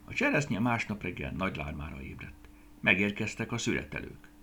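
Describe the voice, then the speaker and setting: A man narrating a children's story in an expressive, lilting reading voice. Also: deep voice, a little hiss or hum.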